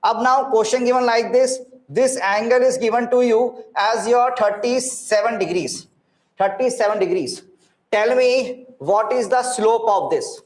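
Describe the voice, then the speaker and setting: A man's voice: extremely high pitch, measured pace. A man with an Indian accent teaching an interactive online physics class, repeating phrases, mixing Hindi words into English and often checking that students follow. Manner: repeats phrases, asks frequent checking questions. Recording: echoey room sound.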